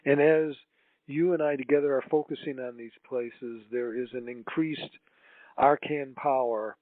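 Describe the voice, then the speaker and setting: A man leading a guided healing meditation as a spiritual channel, in a solemn, mystical healer manner with drawn-out, halting phrases. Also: mid-range voice, fairly even intonation. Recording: roomy, tinny phone-like line.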